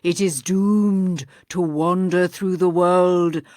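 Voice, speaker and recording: A woman voicing a doomed, chained male ghost who speaks slowly and gravely in a mournful lament. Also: fairly even intonation, darkish tone, no echo, studio quality. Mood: solemn. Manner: slow, grave, booming lament. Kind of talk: storybook reading.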